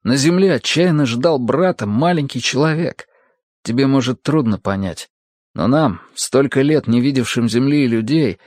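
A man narrating a science-fiction story in a measured, even storytelling manner. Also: mid-range voice, no echo, studio quality. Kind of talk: audiobook reading of science fiction.

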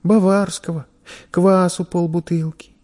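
A man voicing a frightened small boy thief who pleads in a high, tearful voice. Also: level tone, measured pace, a little mellow. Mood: meek. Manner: high, pleading, on the edge of tears.

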